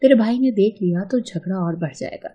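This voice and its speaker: A woman voicing a patient middle-aged mother in a read-aloud storybook, speaking gently and soothingly. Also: mid-range voice, husky, natural voice. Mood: gentle. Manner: gentle, coaxing. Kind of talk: storybook narration.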